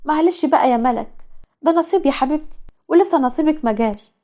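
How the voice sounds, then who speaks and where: A woman's voice: sits high, fast, warm tone, voice pushed up. A woman doing a scheming, falsely sweet young woman. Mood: coaxing. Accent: Egyptian Arabic.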